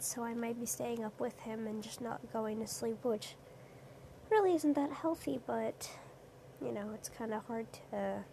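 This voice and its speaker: A woman's voice: on the high side, gravelly, mellow, slight background noise. A young woman streamer rambling hesitantly in a casual late-night chat, with lots of fillers.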